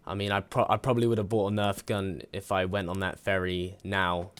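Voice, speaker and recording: A teenage British male with a fairly low voice narrates casually over a gaming video. His delivery is deadpan and dry, with repeated words as he feels his way through the story. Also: brisk, clean tone.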